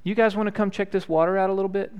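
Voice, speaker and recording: A man in his thirties, a pastor leading prayer and a children's message, speaking gently and asking the children simple questions. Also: sits high, steady tone, racing, clean tone. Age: 30s. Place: church.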